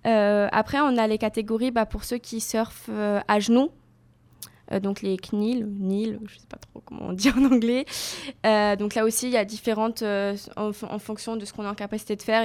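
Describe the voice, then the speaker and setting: A woman's voice: mid-range voice, a little mellow, smooth. A young woman, an athlete guest, answering interview questions casually and searching for her words. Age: young adult. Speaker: para-surfing champion guest.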